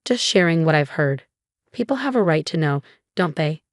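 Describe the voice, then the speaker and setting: A woman's voice: low voice, lively intonation, moderate pace, no room sound, studio quality. A woman voicing a scheming, smug young sister-in-law who talks with sweet, fake innocence, in a storybook narration. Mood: smug venomous. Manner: sweetly venomous, feigning innocence.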